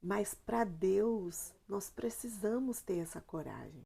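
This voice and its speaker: A Brazilian woman giving an informal, earnest devotional talk, her voice hoarse and strained as if from swollen tonsils. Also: medium pitch, expressive, takes it slowly, warm tone. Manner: earnest, explanatory, addresses listeners directly. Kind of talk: informal devotional talk to camera with scripture reading.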